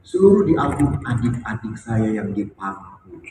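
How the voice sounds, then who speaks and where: Priest preaching in an echoey hall. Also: male voice, fairly low pitch, sing-song, normal speed, a little mellow, a little hiss or hum. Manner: candid storytelling with jokes, emphatic repetition. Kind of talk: sermon with personal story. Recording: echoey hall recording from far off.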